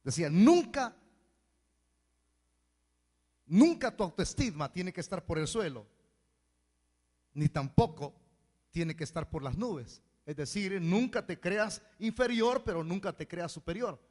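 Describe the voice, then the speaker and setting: A man preaching a sermon as pastor, with animated asides where he mimics complaining people. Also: high-pitched, a little slow. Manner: preaching with acted asides in mocking voices. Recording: hall reverb.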